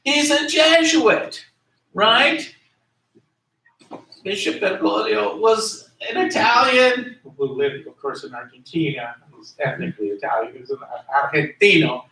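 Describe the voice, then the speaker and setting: A man's voice: sits high, sing-song, a little slow, gravelly, bright, forceful tone, reverberant. A man teaching a class in a conversational way, asking his students questions and repeating key words, recorded in a classroom from far off. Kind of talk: classroom lecture.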